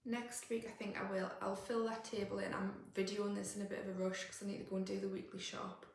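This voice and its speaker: A woman's voice: mid-range voice, little pitch movement, fast talker, vocal fry, distant mic. A woman talks casually in a weight-loss vlog, rambling and restarting her sentences. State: out of breath. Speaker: vlogger. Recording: echoey room, faint noise.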